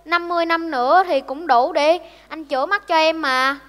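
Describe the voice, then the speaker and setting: A meek young beggar son hesitates through his excuses in a stage comedy sketch, played by a woman. The voice sits high and echoes in a stage hall, with faint music behind. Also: normal speed, noisy background, close to an everyday voice.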